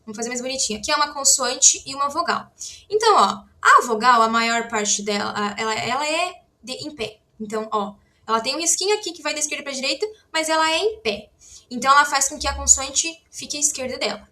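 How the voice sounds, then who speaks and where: Bright-voiced woman teaching casually. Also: high-pitched, animated, fairly quick. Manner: chatty, frequent "né?" and "tá?" check-ins; explains while writing on a board. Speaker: Korean language teacher. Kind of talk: casual online lesson.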